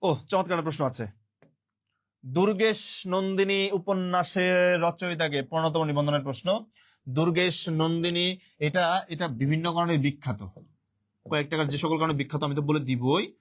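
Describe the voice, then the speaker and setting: Lively male teacher taking a live class. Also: a little high, normal speed, long pauses. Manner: repeats key words, reads viewer comments aloud; mixes English words into his speech. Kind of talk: live online exam-prep class.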